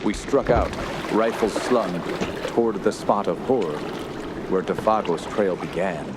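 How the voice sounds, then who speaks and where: This radio horror lead portrays a haunted young man surviving in the wild and narrating his terror. His voice is low and grave, his delivery very unhurried and solemn, his mood somber, and he falters when distressed. Constant outdoor ambience plays behind him.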